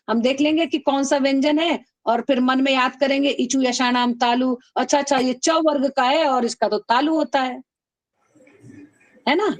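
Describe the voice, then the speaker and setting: A woman teaching an online class, affectionately calling her students "beta" and chanting rules slowly for them to repeat. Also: high-pitched. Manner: calls students "beta", drills them call-and-response. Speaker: Sanskrit teacher.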